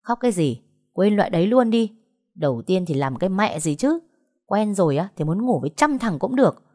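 A woman's voice: low voice, sing-song, a little slow, a bit bright, no room sound, studio quality, exaggerated voice. A woman voicing a fierce, foul-mouthed young woman who scolds and threatens bluntly in a storybook reading. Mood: furious.

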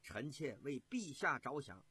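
A man voicing a dignified eighteen-year-old empress who speaks calmly and firmly in a storytelling performance. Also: medium pitch, measured pace, husky, pitched below the performer's own voice, heavily acted. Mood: solemn. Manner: calm, firm and solemn.

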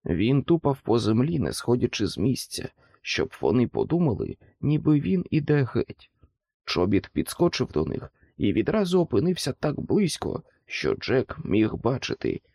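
A man narrating an audiobook with expressive, dramatic storytelling. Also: medium pitch, gravelly, dry recording.

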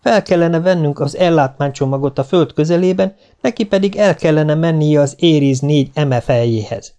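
A man voicing a female mission commander, firm and deliberate. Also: on the high side, mellow, pitched above the performer's own voice, lightly acted. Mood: explaining.

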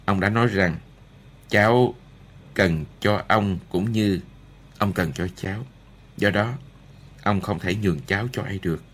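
A man's voice: on the low side, unhurried, long pauses, fairly bright tone. A man doing a stern old showman. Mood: earnest. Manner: firm, commanding. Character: old wandering showman, stern but caring.

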